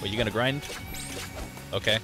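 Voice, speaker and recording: A young man with a fairly low voice talks at normal speed while streaming a game, chatting casually, rambling and sharing his opinions in live commentary. Video game music and sounds play behind his voice.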